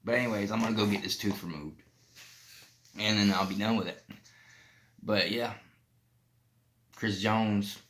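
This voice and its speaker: A man's voice: lowish voice, fairly even intonation, unhurried, long pauses, fairly bright tone. A man giving a casual, plain-spoken explanatory vlog, talking with some difficulty through a painfully swollen mouth. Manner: plain-spoken, informal, loosely rambling. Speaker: vlogger sharing personal experience.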